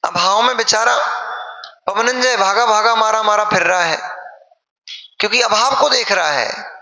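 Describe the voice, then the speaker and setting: A man, a monk, giving an animated sermon and acting out wailing mourners. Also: high-pitched, a little slow. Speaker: Jain monk preacher. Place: large sermon hall. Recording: echoey hall, dull lo-fi sound.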